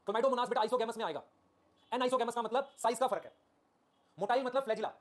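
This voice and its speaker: A man teaching a biology class live online, repeating key terms and asking "okay? clear?" while calling his students children. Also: extremely high pitch, fast talker. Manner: addresses students affectionately as children.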